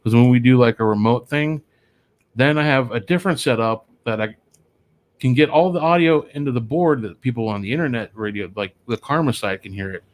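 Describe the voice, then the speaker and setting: A man hosts a paranormal talk show from a small studio, rambling casually with lots of fillers and restarts into a studio microphone. His voice is medium-pitched and he talks fairly quickly.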